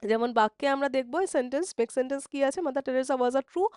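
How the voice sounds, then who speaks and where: A woman with a Bengali accent teaching English vocabulary in a live online exam-prep class. She explains in Bengali, often checks "ঠিক আছে?", and reads English definitions slowly. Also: sits high, a little mellow, smooth, dry recording, studio quality.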